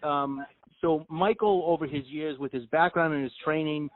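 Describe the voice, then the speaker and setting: A man speaks in a fairly high voice over a tinny, narrow phone line. He sounds earnest and businesslike, with a halting delivery that repeats phrases for emphasis. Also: fairly even intonation. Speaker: prank caller posing as a company representative.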